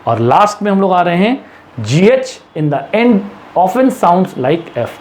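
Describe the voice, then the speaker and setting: A man teaching English pronunciation in a classroom-style lesson, with an Indian English accent, asking rhetorical questions and drawing out the example words slowly. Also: sits high, very animated, darkish tone. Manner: slow drawn-out English examples, brisk Hindi explanations, lots of rhetorical questions.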